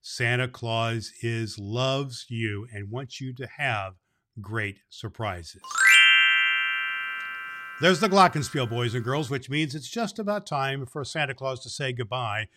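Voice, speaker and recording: Faint music plays behind a man in the role of Santa Claus as he hosts and tells stories to children, with loving, emphatic repeats. His mid-range voice is animated, pushed and bright, and he takes it slowly.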